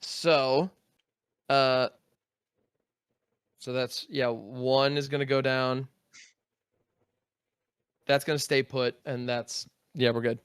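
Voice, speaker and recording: Smooth, methodical card-game man. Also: medium pitch, steady tone, slow, long pauses, no room sound, studio quality. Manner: methodical, counts aloud, sound-effect interjections. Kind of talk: casual play-by-play of his own turn.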